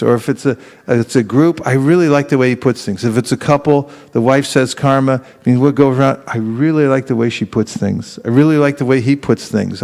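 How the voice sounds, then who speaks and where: A man's voice: medium pitch, creaky, a little mellow. A man leading a live teaching seminar. He keeps firing questions at his audience and acts out both sides of short dialogues as he demonstrates. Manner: acts out street exchanges in quoted voices.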